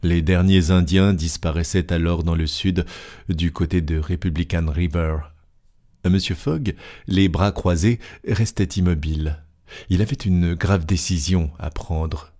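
A male narrator with a very deep voice reads a classic novel at an unhurried pace. His delivery is steady and deliberate, in an audiobook style.

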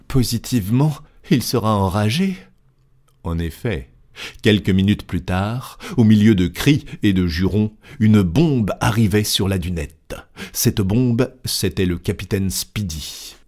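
A man narrating a classic adventure novel as an audiobook, in a steady, deliberate storytelling manner. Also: sits low.

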